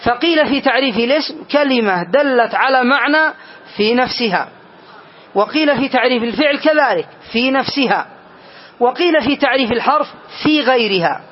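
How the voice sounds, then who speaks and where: A man's voice: very high voice, lively intonation, fairly quick, husky. A man teaching a grammar lesson to a class, patiently repeating the key phrases. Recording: dull lo-fi recording.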